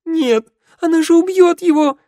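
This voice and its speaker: A man's voice: very high voice, sing-song, slow, gravelly, husky, no room sound, pitched above the performer's own voice, exaggerated voice. A man reading an audiobook and voicing a frightened young girl who cries out in panic, in a dry close recording. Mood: panicked.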